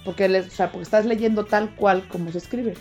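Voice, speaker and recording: A young adult woman with a Mexican accent, talking casually as a co-host, animated and quick to laugh. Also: medium pitch, faint music behind. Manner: animated, laughs often, acts out quoted reactions. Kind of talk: casual chat.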